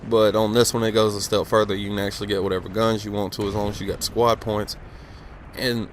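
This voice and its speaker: A man's voice: fairly low pitch, level tone, fairly quick, slight background noise. A man in his late twenties giving casual, rambling gameplay commentary outdoors in the cold, swearing freely, with lots of fillers. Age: late 20s. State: cold, a little stuttery. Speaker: gaming commentator. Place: outdoors outside his house.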